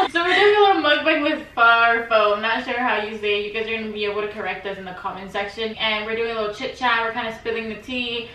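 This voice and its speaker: A woman's voice: a little high, quick pace, hardly any pauses, recorded from a distance, noisy background. A young woman co-hosting a casual chat over a meal, laughing often as she talks. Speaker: co-host. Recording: echoey room, from the mic, music. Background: music.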